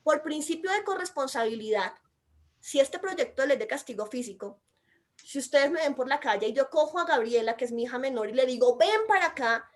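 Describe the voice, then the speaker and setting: Woman, Colombian accent, high-pitched, emphatic, loud by nature, explanatory commentary. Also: expressive, fairly quick. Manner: emphatic, calls herself loud and shrill by nature. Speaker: mother and commentator.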